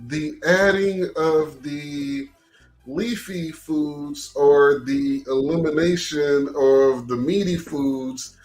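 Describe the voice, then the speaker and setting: Male interview host, unhurried delivery, rambling questions with many fillers. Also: fairly high pitch, darkish tone, soft background music. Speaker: podcast host. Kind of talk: casual interview talk.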